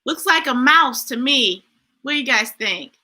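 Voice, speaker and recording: A woman's voice: sits high, lively intonation, a little slow, bright, forceful tone. A woman reading picture books aloud to children, enthusiastic and chatty. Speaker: children's story reader. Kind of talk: storytime read-aloud.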